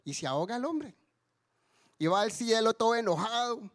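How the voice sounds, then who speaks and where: A man's voice: extremely high pitch, expressive, normal speed, fairly bright tone. A man preaching a sermon in a church, telling stories and acting out the voices of the people in them. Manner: tells a story and acts out voices in raised cries.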